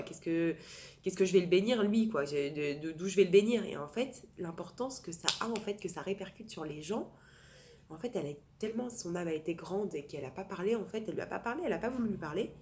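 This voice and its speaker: A woman with a low voice gives an informal religious lesson, talking in a hesitant way. She stops often on fillers and starts her sentences again. Faint background noise runs under the recording. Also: a little mellow. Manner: hesitant, many fillers and restarts. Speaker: Torah class teacher.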